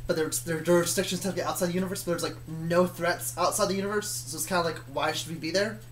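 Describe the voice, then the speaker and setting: With a little hiss or hum behind it, a mid-range voice talks fast in a steady tone, spinning casual, rambling stories about the speaker's own invented universe. The storyteller hesitates and corrects themselves often.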